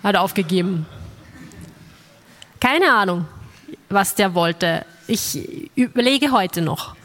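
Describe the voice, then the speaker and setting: A woman's voice: mid-range voice, slow pace, slight background noise. Woman telling a stand-up story in a hall. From Austria. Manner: lively, acts out dialogue with an audience. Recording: reverberant hall.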